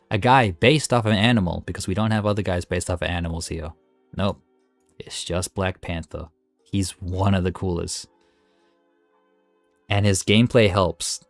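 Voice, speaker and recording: A man's voice: deep voice, dry recording. A man giving casual, enthusiastic and opinionated commentary while ranking game characters. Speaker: gaming video host. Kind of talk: casual tier-list commentary.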